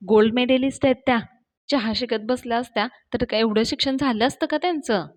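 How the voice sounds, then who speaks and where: A woman's voice: fairly high pitch, fairly quick, close to an everyday voice. A woman voicing an earnest talkative young man.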